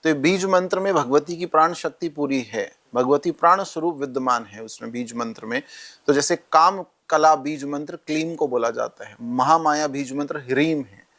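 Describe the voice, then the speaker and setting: A man's voice: fairly high pitch, moderate pace, fairly bright tone. A male astrologer guest in a podcast interview, instructively listing remedies step by step.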